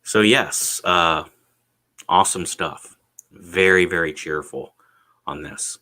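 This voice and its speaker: Deep-voiced man, slow rambling livestream chat. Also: sharp tone. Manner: halting, meandering delivery with repeated words and drawn-out pauses; sweary, blunt talk.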